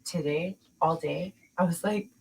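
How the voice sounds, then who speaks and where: Low, husky woman in casual chat. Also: a little slow, low-quality recording. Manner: blunt, swears freely, laughs often. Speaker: podcast host.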